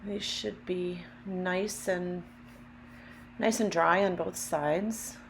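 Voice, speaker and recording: Gravelly, low-pitched woman giving a craft tutorial. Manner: unhurried, careful explaining with apologetic asides. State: allergy-affected voice, throat clearing. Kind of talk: casual step-by-step craft demonstration. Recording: steady background hum, lawnmower noise. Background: lawnmower and hum.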